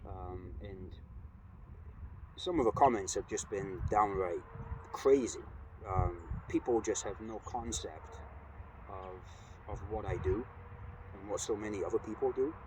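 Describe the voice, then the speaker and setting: A middle-aged man talking casually and reflectively in a vlog, with an earnest, measured, halting delivery. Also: low-quality recording. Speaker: cold exposure vlogger. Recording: steady background noise, ambient rumble.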